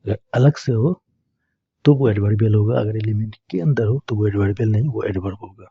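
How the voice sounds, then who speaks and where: A man's voice: fairly low pitch, a little fast, vocal fry, slightly rough, no room sound, highs cut off. A man teaching English grammar, explaining it step by step and answering his own questions to the class. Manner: repeats questions to students and answers them himself.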